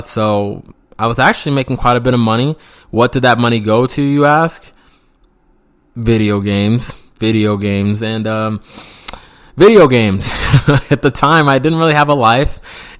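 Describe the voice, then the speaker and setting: A young man tells a story from his past in a loose, rambling way, filling gaps with "um" and "like." He swears freely and sounds unscripted. His voice sits at an ordinary middle pitch. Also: fairly bright tone. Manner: rambling, heavy swearing and fillers. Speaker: vlogger. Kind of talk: casual storytime.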